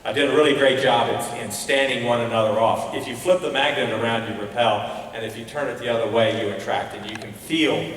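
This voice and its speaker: At an awards ceremony in a large school hall, a man judging a festival critiques the plays informally, pausing often to find his words. His voice is mid-range, steady and a bit bright, picked up by a distant mic amid strong echo.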